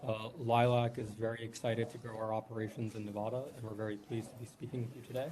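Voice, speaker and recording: A New York man, a company executive, gives a formal board-meeting presentation in a level, lowish voice at a quick pace. He's earnest and polite, with frequent "uh"s, and there's background noise.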